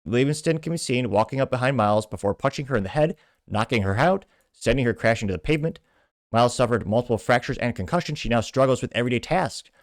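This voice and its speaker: At medium pitch and with lively intonation, a Midwestern American podcast host moves quickly through posts he reads aloud, adding loose political commentary. The recording is dry and studio quality.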